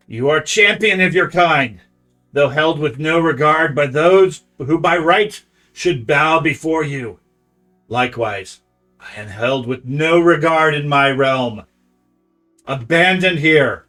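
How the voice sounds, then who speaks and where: A man's voice: on the high side, pushed and bright, full character voice. A man voicing an ancient, bitter eagle-headed demon for a tabletop game, with a snake-like hiss and formal archaic speech. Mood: solemn, bitter. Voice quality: hissing, snake-like. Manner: formal archaic speech, slow solemn pronouncements. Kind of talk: game master acting a villain in a tabletop game.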